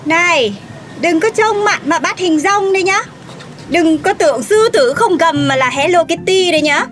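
A woman's voice: expressive, moderate pace, a bit bright. A woman voicing a brash, melodramatic young woman who wails and blusters in a comedic audio drama. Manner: shrill, theatrical, wailing.

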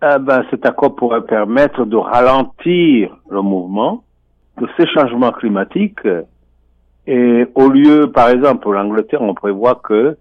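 A man commenting on finance and economics over a telephone line on a radio show, speaking in a measured, deliberate way with frequent hesitations. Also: medium pitch, no room sound. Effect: voice heard over a telephone line. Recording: muffled phone line, dry.

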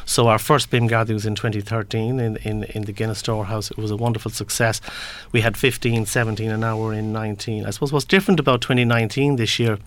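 A man with a fairly low voice and a west of Ireland accent talks as a guest in an explanatory interview. His delivery is halting, with words and short phrases repeated as he works toward his point. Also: steady tone, slight background noise. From Galway, west of Ireland. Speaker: interview guest, construction industry representative.

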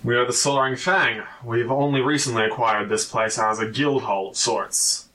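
Guy as earnest formal horde adventurer in a tabletop game, bright voice, bit far from mic. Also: mid-range voice, fairly even intonation, normal speed, lightly acted. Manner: formal, declarative phrasing.

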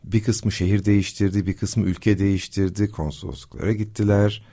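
Low, husky-voiced man explaining calmly. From Turkey. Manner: measured, explanatory, many filler pauses. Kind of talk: casual discussion.

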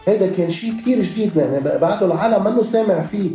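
Lebanese man, slightly high mellow voice, interview storytelling, English words mixed in, echoey room. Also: expressive, racing, faint music behind. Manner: mixes English words into his speech. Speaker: interview guest, activist. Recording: roomy echo.

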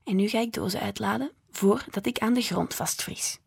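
A woman voicing a patient, practical mother who calmly reassures her grumbling mother, in a storybook reading. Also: mid-range voice, normal speed, creaky, husky, full character voice. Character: patient, weary mother calming her own mother.

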